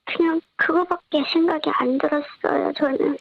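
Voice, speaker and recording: A small online seller interviewed over a line, voice disguised with a pitch-shifting effect, answering quietly and plainly. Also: fairly even intonation, moderate pace, vocal fry. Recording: dull lo-fi line.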